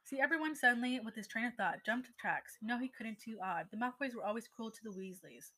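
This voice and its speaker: A woman narrating a story aloud in a steady voice, with an occasional stumble. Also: on the high side, fairly quick. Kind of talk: reading fan fiction aloud.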